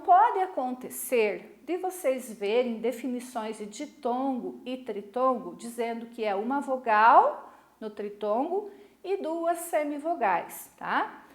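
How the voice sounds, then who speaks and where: A Brazilian woman teacher giving a recorded lesson, patient, checking in often with short tag questions. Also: high-pitched. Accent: Brazilian Portuguese. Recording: echoey room.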